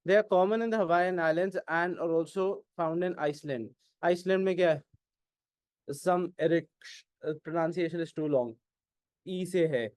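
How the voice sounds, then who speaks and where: A man with an Indian English accent teaching an exam-prep class, mixing Hindi and English and often asking whether it is clear. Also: fairly high pitch, a little mellow, dry recording. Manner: keeps asking "is it clear?", questions and answers his own prompts.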